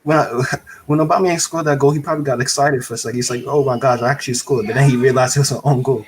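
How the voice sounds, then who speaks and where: Calling in as a guest fan over a shaky internet connection, a man gives casual opinions in a steady, medium-pitched voice. He talks fast but hesitantly, full of ums and restarts, and the low-quality audio carries a slight hiss or hum.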